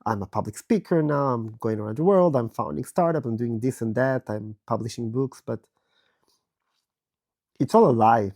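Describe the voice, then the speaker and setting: An Israeli-born podcast host in his 30s speaks from bed in his bedroom, his low, warm voice raspy and hoarse from a virus. He delivers a personal, reflective monologue slowly and candidly, thinking things through with many pauses.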